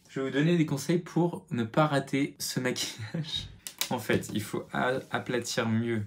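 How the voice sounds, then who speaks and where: A young man chatting through a makeup tutorial at home, self-mocking and muttering as he works. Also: lowish voice. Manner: self-mocking, mutters and sighs at own mistakes. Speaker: makeup vlogger. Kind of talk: casual makeup tutorial chat.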